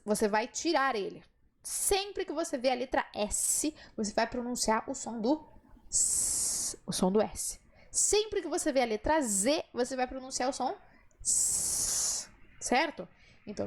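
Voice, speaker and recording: Lady teaching spanish online, high bright voice, upbeat and encouraging. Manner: lively, encouraging, drawn-out model pronunciations. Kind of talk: online language lesson.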